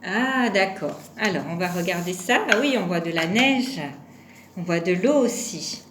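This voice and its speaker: A woman's voice: fairly low pitch, expressive, a little slow. A woman teaching a home lesson to young children, patient and sounding out each syllable and number aloud. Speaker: kindergarten teacher. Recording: echoey room with faint background noise.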